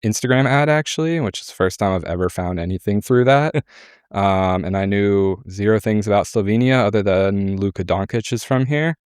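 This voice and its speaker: A man's voice: lowish voice, moderate pace, a little mellow, clean tone, no echo, clean studio sound. A man who is a guest on a podcast, talking in a casual, chatty way with fillers. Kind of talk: podcast interview.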